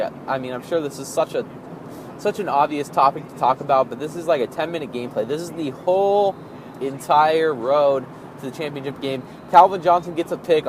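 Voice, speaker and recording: A young adult man giving casual, rambling gameplay commentary as a video host, often repeating and rephrasing himself in an informal way. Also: mid-range voice. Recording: clearly noisy background.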